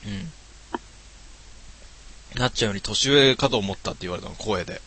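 A man streaming from home, chatting casually with lots of relaxed fillers. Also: on the low side, moderate pace, slightly rough. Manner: relaxed, rambling talk with many fillers. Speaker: game streamer. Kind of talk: casual chat. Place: his home.

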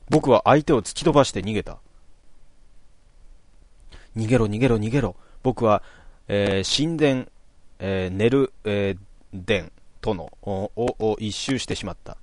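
A man's voice: lowish voice, unhurried, slight background noise. A man playing through a horror game, reading its text aloud and dropping in wry, amused asides. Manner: wry, amused asides between read-out lines. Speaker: game player.

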